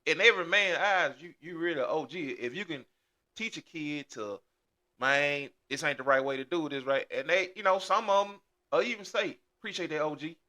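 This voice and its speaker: A man's voice: fairly high pitch, moderate pace, pushed and bright. A man, a guest in casual chat, talking earnestly and reflectively with many repeated starts.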